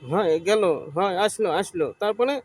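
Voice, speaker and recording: A man's voice: high-pitched, lively intonation, brisk, no echo. A man, bantering and mocking a clip in an exasperated comic reaction. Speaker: content creator reacting to a clip.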